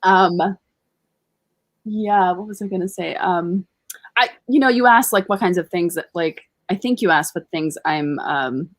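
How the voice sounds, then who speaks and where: A Bosnian woman, a professional dominatrix and educator, chats casually and frankly as an interview guest and swears comfortably. Her voice sits on the low side and moves a little slowly, and the recording is dry.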